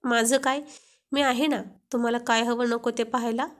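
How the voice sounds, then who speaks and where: A woman's voice: fairly high pitch, flat delivery, normal speed, natural voice. A woman voicing a shy young wife who flares up and gets flustered at her husband's teasing. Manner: coy, flustered.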